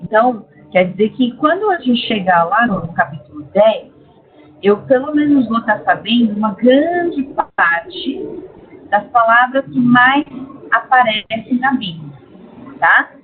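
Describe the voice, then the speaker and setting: A woman's voice: a little high, expressive, unhurried, a little hiss or hum. A woman with a Brazilian Portuguese accent explaining Greek grammar in an online lecture, often checking in with "tá?". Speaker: Greek teacher. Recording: tinny lo-fi online class audio.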